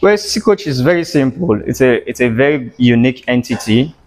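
A matter-of-fact man with an ordinary middle pitch answers questions in short, plain phrases. He keeps each reply brief. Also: animated, fairly quick. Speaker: restaurant manager. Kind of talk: interview answers.

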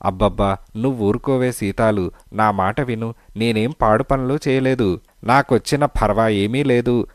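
A man's voice: fairly low pitch, normal speed, dry recording, natural voice. A man voicing a broke, desperate male lawyer who pleads and blusters. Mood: placating.

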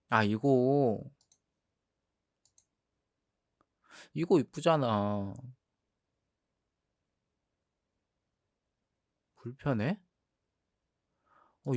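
A man performs the part of a defensive, playful young boyfriend for a role-play ASMR audio drama, objecting in halting, repeated words; the mood is teasing and wistful. The medium-pitched voice is a little mellow, captured dry at studio quality.

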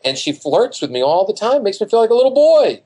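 His voice high-pitched, warm and sing-song, a little fast, a dating coach in his fifties is interviewed over a video call from his living room, speaking through his computer mic. He gives casual, emphatic advice, repeats points, and acts out quoted remarks.

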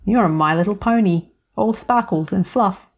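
A woman's voice: medium pitch, moderate pace, husky, pitched above the performer's own voice. A woman voicing a brooding, mysterious young man who speaks earnestly and a bit prickly.

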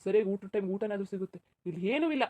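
A woman's voice: medium pitch, darkish tone, close to an everyday voice. A woman voicing an exasperated office-going husband in a cartoon, scolding his wife. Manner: scolding, fast. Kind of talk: cartoon voice acting.

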